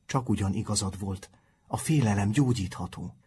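A man voicing a gentle, injured schoolboy who speaks in a soft whisper in a storybook reading. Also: lowish voice, a little hiss or hum, natural voice.

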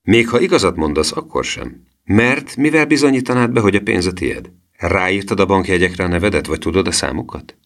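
A man's voice: sits low, lively intonation, fairly bright tone. A man voicing a stern male bank cashier in an audiobook reading, strict and questioning.

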